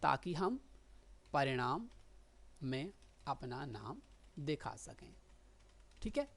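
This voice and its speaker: A woman's voice: rumbling low, very animated, slow, gravelly. A woman teaching shorthand, explaining patiently and often checking that listeners follow. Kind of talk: explanatory lesson.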